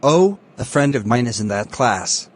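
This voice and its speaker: Here the same kind of role appears: a man performs a polite, relaxed young movie star for an English-learning cartoon script, delivering lines deliberately. His mid-range voice is expressive, with a friendly, casual feel.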